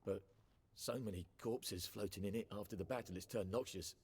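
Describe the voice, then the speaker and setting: An actor playing a worried peasant father in a video game, speaking in rustic dialect and pleading for help with a husky voice. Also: fairly low pitch, moderate pace, a little hiss or hum, natural voice.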